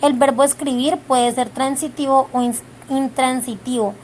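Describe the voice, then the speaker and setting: A woman's voice: sits high, steady tone, moderate pace, a little mellow, slight background noise. A woman explaining verb types in a lesson, careful and with small restarts on words.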